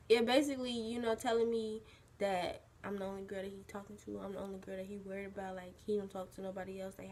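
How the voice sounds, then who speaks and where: A teenage girl with a husky just-woken-up voice, telling a personal story as a vlogger in a rambling casual way, full of "like" and "you know". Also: on the high side. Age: teens.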